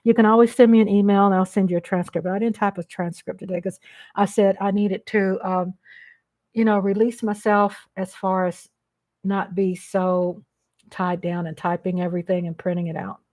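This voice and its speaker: A woman's voice: mid-range voice, little pitch movement, moderate pace, a little mellow. A woman hosting her own live-stream vlog, speaking off the cuff in a blunt, emphatic way with casual swearing. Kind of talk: unscripted live commentary.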